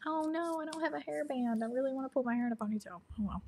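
A chatty woman with a Tennessee Southern accent hosts a casual livestream and answers viewer questions. She laughs often and slips into soft asides. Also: high-pitched, rapid-fire, slight background noise. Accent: Southern American (Tennessee).

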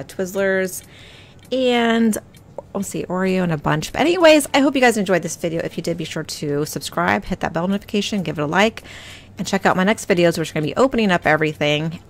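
Brisk and lively in intonation, a woman with a lowish voice narrates a casual shop-with-me video about what she bought. She addresses viewers directly, rambling a bit, with slight background noise.

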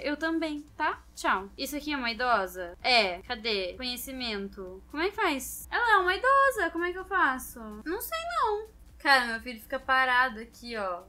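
A woman's voice: high-pitched, bright, forceful tone. A young woman hosting her own gaming channel, chatting casually to viewers as she plays a mobile game. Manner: chatty, talks straight to viewers. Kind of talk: casual gameplay commentary.

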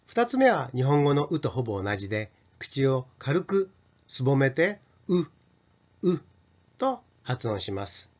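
A man's voice: medium pitch, very animated, moderate pace. An older Japanese man teaching an English pronunciation lesson, carefully modelling sounds for students to repeat. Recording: slightly dull lo-fi sound.

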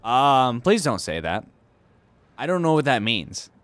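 A young man hosting a let's play chats casually about the strategy game he's playing, joking around and arguing with himself in goofy, silly voices. His mid-range voice is sing-song, unhurried and fairly bright, with no room sound.

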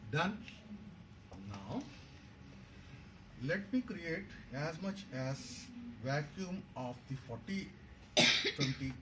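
Casting: middle-aged Indian-accented man, slightly high voice, instructing a group through a practical demonstration; very noisy distant pickup. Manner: instructional, step-by-step, mixes English and Hindi. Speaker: medical instructor. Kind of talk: hands-on clinical demonstration to a group. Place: crowded indoor hall. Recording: noisy room, picked up from afar.

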